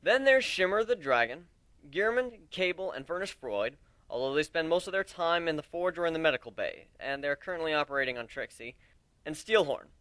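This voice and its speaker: A man voicing a brash, cocky griffin captain in a story reading, loudly addressing his crew with a commanding manner. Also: a little high, lively intonation, brisk, smooth, dry recording. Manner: loud, commanding, speechifying.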